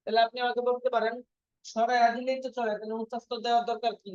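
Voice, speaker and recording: A woman's voice: on the high side, level tone, fast, a little mellow, no room sound. A woman teaching a language class, repeating each point and quizzing her students with frequent questions. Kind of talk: classroom lesson. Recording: dull lo-fi dry recording.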